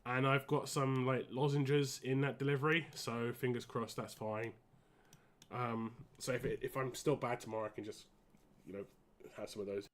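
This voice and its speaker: A man live-streaming a game in casual, rambling and halting chat, wheezy and short of breath with a cold. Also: medium pitch, steady tone.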